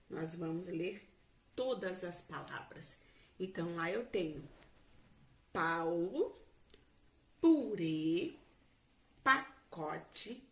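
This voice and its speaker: A Brazilian woman teacher explaining a lesson slowly to young children in a recorded remote class. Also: medium pitch. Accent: Brazilian Portuguese.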